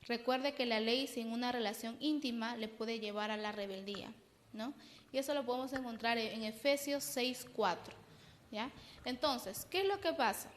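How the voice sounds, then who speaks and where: Peruvian lady psychologist giving a church parenting talk, kinda high voice, long echo on it. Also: moderate pace, slight background noise. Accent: Peruvian Spanish. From Peru. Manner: explanatory, keeps checking in with "¿no?". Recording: long reverb.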